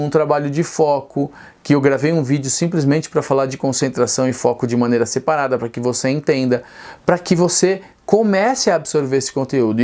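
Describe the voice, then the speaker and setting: A man's voice: fairly high pitch, darkish tone. Earnest persuasive male reading instructor. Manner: earnest and persuasive, rhetorical questions. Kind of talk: direct-to-camera teaching.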